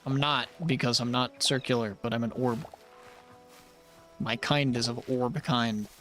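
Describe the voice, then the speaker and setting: A man's voice: mid-range voice, fairly even intonation, unhurried, a bit bright, soft background music. A young man giving playful, jokey commentary while playing a video game and talking to the creatures he meets. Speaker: streamer. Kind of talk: casual gameplay commentary.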